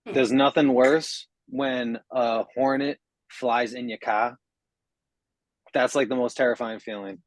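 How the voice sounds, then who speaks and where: A man's voice: mid-range voice, steady tone, slow pace, no echo, low-quality recording. Easygoing man with a Massachusetts accent. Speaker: podcast co-host. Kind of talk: casual chat.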